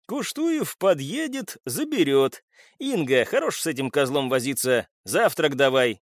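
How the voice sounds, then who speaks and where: A man's voice: a little high, very animated, measured pace, no echo, studio quality. A man doing a menacing maniac with a metallic edge. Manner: metallic, lecturing, sharp. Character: menacing domineering male killer, middle-aged.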